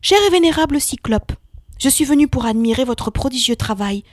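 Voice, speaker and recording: A woman voicing a small, clever young boy god who speaks with polite, elaborate flattery in a children's audio story. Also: sits high, fairly quick, no echo, studio quality, pitched above the performer's own voice. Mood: flattering. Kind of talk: storybook character voice.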